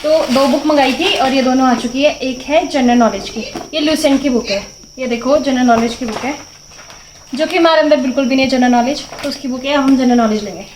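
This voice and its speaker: Young woman, home vlogger, high bright voice, giggly storyteller, echoey room, faint hiss. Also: a little fast. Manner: giggly, chatty, breaks into laughter telling stories. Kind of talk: casual vlog chat and storytelling. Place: home, kitchen.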